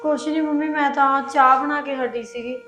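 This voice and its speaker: Sad young wife, echoey room. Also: female voice, sits high, steady tone, normal speed, faint music behind. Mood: pleading. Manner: soft, resigned, holding back tears. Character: sad, put-upon young wife missing her parents. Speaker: daughter-in-law. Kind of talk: short film drama acting. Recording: roomy echo.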